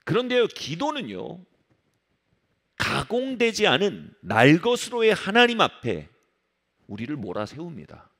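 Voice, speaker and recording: A man preaching from the pulpit with a fairly high voice that leaps up and down. He presses his points hard, then sinks low and quiet for emphasis, and now and then slips into the voices of the people he describes. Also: huge pitch swings, unhurried. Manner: emphatic preaching, drops to low soft tones for stress; acts out quoted voices of resisting people. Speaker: pastor. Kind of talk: sermon. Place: church sanctuary.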